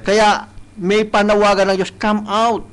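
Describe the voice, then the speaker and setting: A male preacher delivering a live church sermon. He mixes Tagalog and English, often checks in with "no?", and reads scripture slowly and deliberately. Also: high voice, level tone, smooth, low-quality recording. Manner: switches between Tagalog and English, tagging points with "no?". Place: church service, streamed live.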